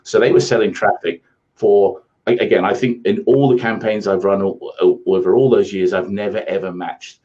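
On a video call from his home office, an English man in his forties, a guest who founded an ad agency, tells his career story in a rambling, self-deprecating way. His voice is lowish and warm, with fairly even intonation and a moderate pace. The earphone headset leaves the recording muffled.

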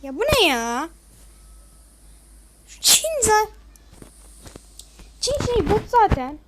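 Woman gamer doing casual play-by-play; very high, excitable voice, quick to scold teammates. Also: slight background noise. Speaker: gamer streaming their own play. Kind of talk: casual gameplay commentary.

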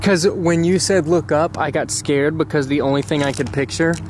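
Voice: mid-range voice, normal speed. A person talking to a ghost on a casual paranormal investigation in the woods, asking questions aloud and repeating them. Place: outdoors in woods at night. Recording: noisy outdoor recording with ambient noise.

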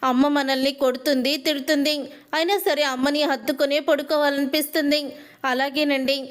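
A woman voicing a patient young daughter-in-law in a spoken story retelling, speaking gently and pleadingly. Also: high voice, little pitch movement, normal speed, lightly acted. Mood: gentle.

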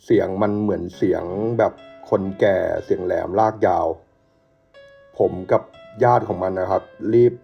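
A man with a fairly low voice tells a ghost story in the first person, keeping it hushed and suspenseful. The sound is a bit dull and lo-fi, with faint music underneath. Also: moderate pace, creaky, husky.

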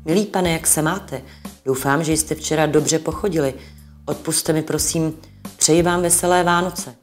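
A reformed old miser from a read-aloud storybook, cheerful and brisk, as a woman reader puts him on. The voice sits low for a woman. It stays close to her own reading voice. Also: steady tone, faint music behind, close to an everyday voice. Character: old male miser, newly joyful and generous.

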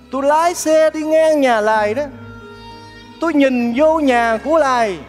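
An actor playing a kind-hearted bachelor neighbor in a stage comedy, talking in a soft, coaxing, earnest way. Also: male voice, very high voice. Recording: reverberant theater stage, faint music.

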